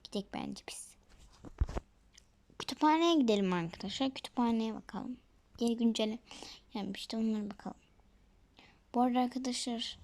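A woman's voice: on the high side, fairly quick, pauses often, a little mellow. A woman casually commenting on her game for viewers, chatty and often dropping to a whisper. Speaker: gaming video creator.

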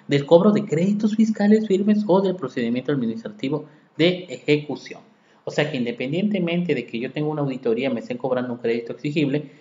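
In an echoey room with dull, lo-fi sound, a Mexican accountant lectures on tax law for a podcast. He reads legal articles aloud, then explains them by posing rhetorical questions to listeners. His voice is medium in pitch with a dark tone.

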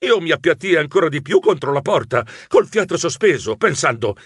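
A man narrating a children's audiobook in first person as a nervous mouse writer, in an expressive storytelling voice. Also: a little high, brisk, breathy edge, no echo, studio quality.

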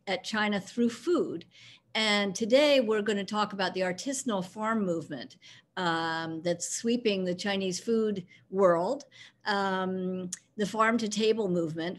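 A middle-aged woman moderating an online panel from her living room over a video call, upbeat and brisk with frequent ums. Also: mid-range voice.

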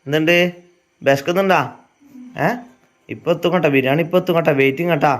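A man's voice: fairly high pitch, fairly even intonation, fast talker. A man, chatting casually to viewers at home as a family vlogger and asking teasing questions. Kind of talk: casual vlog chat. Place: at home indoors.

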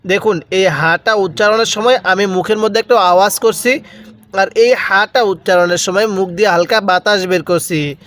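A man teaching Quran recitation step by step, chanting Arabic words slowly and drawn out, then explaining quickly. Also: high voice, a bit bright. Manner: repeats words for the viewer to copy.

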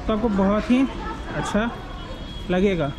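A man in his thirties giving a relaxed, chatty walking tour of a riverside temple courtyard, recorded on an action camera. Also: high-pitched, measured pace, a crowd in the background. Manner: relaxed, chatty guide pointing things out. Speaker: travel vlogger. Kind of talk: casual walking vlog tour. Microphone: action camera on a chest or hand mount. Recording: outdoor camera audio with clear street and traffic noise.

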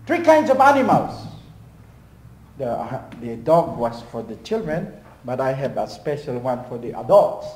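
Animated preaching man in an echoey church. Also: mid-range voice, moderate pace. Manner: animated preaching, swings from loud to soft, acts out little dialogues. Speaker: pastor. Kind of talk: sermon.

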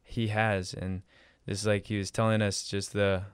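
A man's voice: fairly low pitch, flat delivery, moderate pace, smooth, dry recording. A young man, a pastor co-hosting a podcast, praying earnestly and chatting in a small studio on a close mic. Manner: earnest, with frequent fillers in prayer. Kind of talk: prayer and casual podcast chat.

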